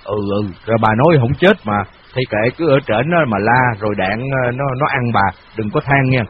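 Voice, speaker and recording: A man playing a fretful old man who grumbles and talks in hurried bursts, on a dull lo-fi recording. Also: mid-range voice, a crowd in the background, close to an everyday voice. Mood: grumbling.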